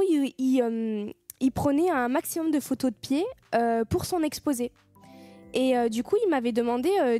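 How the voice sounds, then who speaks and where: Young woman streamer, high voice, loose chatty delivery with swearing, dry close sound, faint music underneath. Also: warm tone, no echo. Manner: chatty, swearing, thanking viewers. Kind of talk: casual live-stream chat.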